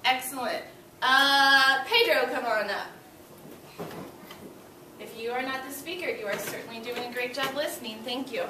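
Moving at a moderate pace with long pauses, a young female primary teacher with a high voice leads a classroom read-aloud for small children, offering encouragement and short, simple instructions. The recording comes from a far camera in an echoey, noisy room.

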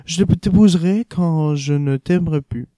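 A man's voice: a little high, moderate pace, warm tone, dry recording, studio quality, voice pushed up, natural voice. A man voicing an earnest young man in love with his companion. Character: German man in love, earnest, a bit puzzled.

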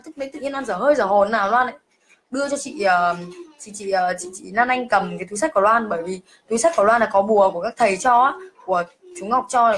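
A woman's voice: a little high, a bit bright. Emotional woman telling a ghost story. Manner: emotional, talks about herself by name. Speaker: livestreamer. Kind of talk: live-streamed personal ghost story. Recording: faint background noise.

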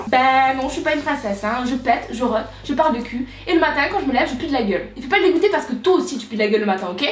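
Brash high-voiced young woman ranting. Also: roomy sound, far from the mic. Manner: brash, crude and self-mocking, swings to loud outbursts. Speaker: youtuber. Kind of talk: comedic rant vlog. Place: at home on a sofa.

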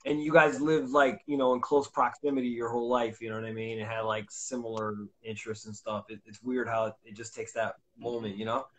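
A man's voice: mid-range voice, little pitch movement, a little fast, few pauses, fairly bright tone, a little hiss or hum. A man in his forties with an East Coast American accent, hosting a podcast in loose, rambling casual chat. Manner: loose and rambling, full of "you know" and "like". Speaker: podcast host.

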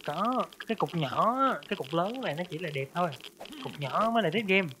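High-voiced man yelling gameplay warnings. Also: animated, fairly quick, a little hiss or hum. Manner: urgent, shouts warnings and instructions. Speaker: co-player. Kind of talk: excited gameplay chatter. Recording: faint game music behind.

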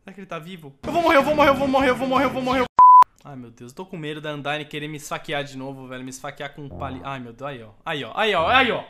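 A gamer with a Brazilian accent giving let's play commentary, excitable and panicky, repeating phrases and swearing. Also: mid-range voice, rapid-fire, over a noisy crowd. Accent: Brazilian Portuguese. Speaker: gameplay commentator. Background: game music.

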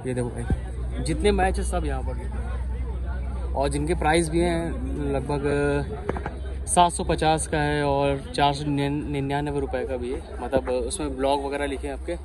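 A young man with a Lucknow Hindi accent, talking excitedly to viewers as he walks around with a handheld camera. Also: on the high side, a little slow, rough recording. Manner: excited, chatty, calls viewers bhai. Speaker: vlogger. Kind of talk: walking vlog, handheld. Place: outdoors by a stadium and in a crowded ticket hall. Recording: handheld camera amid loud crowd. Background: crowd and traffic noise.

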